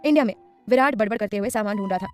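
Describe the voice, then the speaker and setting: A woman storyteller narrating a serial story in a brisk, even reading. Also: medium pitch, faint music behind.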